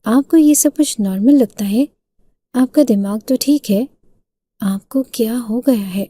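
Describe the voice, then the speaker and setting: A woman's voice: a little high, mellow, dry recording. A woman narrating an emotional first-person story in an earnest way.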